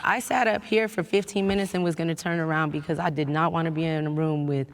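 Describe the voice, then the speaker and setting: A woman's voice: deep voice, fairly even intonation, quick pace. A woman on parole giving an earnest, impassioned account of her experiences in a group discussion. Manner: earnest, impassioned, laughs often. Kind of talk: emotional personal testimony.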